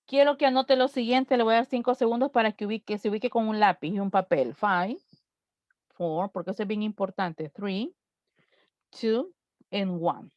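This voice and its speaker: Woman, English teacher, slow repetitive explaining, dry sound. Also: medium pitch, darkish tone, dry recording, lo-fi sound. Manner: slow, drawn-out explanations repeating English words. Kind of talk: live online English lesson.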